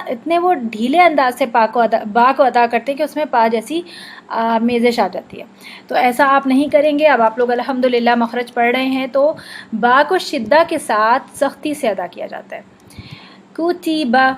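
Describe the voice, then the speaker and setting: Careful woman teaching recitation, higher voice. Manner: slow, careful, repeats each example word twice. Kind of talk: online lesson.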